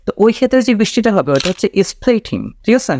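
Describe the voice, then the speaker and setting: A man teaching English vocabulary in a casual spoken lesson, explaining slowly, repeating key words and checking in with "okay?". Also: high-pitched, sing-song, a little mellow, slight background noise.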